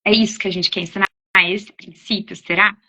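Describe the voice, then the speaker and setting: A woman's voice: mid-range voice, steady tone, fairly quick. A woman, an educator in her forties, casually answering parenting questions, often ending phrases with a questioning tag. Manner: warm explanatory, frequent "né?" tags. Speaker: educator giving parenting talk. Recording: dull lo-fi audio.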